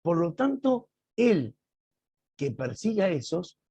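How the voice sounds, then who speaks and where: Man, Bible teacher in an online class, husky voice, dry close sound. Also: high-pitched, very animated, dark tone, dry recording. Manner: slow, emphatic explaining with dramatic read-aloud quotes. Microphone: video call.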